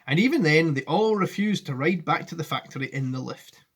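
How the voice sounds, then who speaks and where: With a fairly high, fairly bright voice and a breathy edge, a man in his forties reads a children's story at a fairly quick clip, his intonation lively. He's a teacher at home in his living room, addressing his pupils in a friendly way, filmed by a device camera at arm's length.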